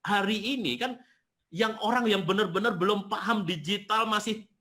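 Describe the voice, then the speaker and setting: A man's voice: high voice, moderate pace. A man hosting a seminar talk, telling stories and acting out the people he quotes. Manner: animated storyteller, acts out quotes. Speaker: seminar host and business trainer. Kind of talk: casual seminar talk, storytelling.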